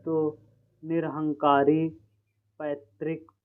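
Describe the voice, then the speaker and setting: Guy teaching a spelling quiz, kinda high flat voice, calls viewers buddies, reads options slowly. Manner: informal, addresses viewers as friends. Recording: tinny phone-like sound.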